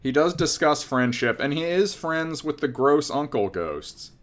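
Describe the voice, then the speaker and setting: Slightly high and expressive, this man's voice moves at a measured pace. He's a podcast co-host in his late thirties, having a casual chat laced with dry, sarcastic ribbing.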